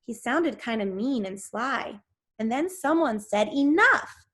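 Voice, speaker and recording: Woman doing anxious schoolboy, breathy murmur, a little high. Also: expressive, a little slow. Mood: troubled. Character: boy, worried and earnest.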